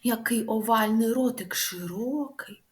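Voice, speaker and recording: Woman, children's speech lesson, high lively voice, unhurried delivery. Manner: animated, sing-song, drawn-out vowels for children. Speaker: speech therapist teaching children.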